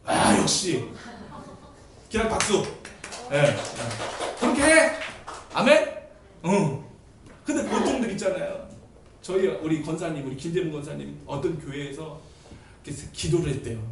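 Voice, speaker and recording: Male pastor preaching, high voice that swings all over, big echoey church, mic kinda far off. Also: moderate pace, pauses often, background noise. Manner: animated storytelling, acts out voices and shouts. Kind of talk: sermon. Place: church sanctuary.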